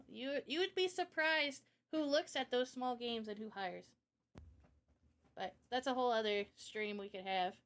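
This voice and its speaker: Hosting a relaxed livestream Q&A, this visual novel developer keeps things informal and giggly, frequently laughing mid-sentence. Her voice sits high with a fairly bright tone.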